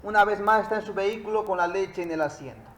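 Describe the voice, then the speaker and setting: A man's voice: high-pitched, fast talker, a bit bright, reverberant, low-quality recording. A man preaching a sermon, addressing his listeners and telling them a story.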